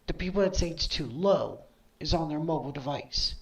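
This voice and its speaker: On a headset mic, a woman streamer hosts a laid-back livestream chat in a low voice, talking fairly quickly. She's insistent, circling back to the same points.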